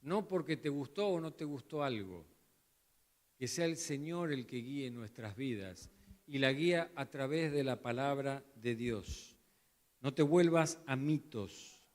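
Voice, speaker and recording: Brief: Rioplatense male pastor, slow emphatic sermon, higher voice, long church-hall reverb. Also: animated. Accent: Rioplatense Spanish. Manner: emphatic preaching, repeats words for emphasis.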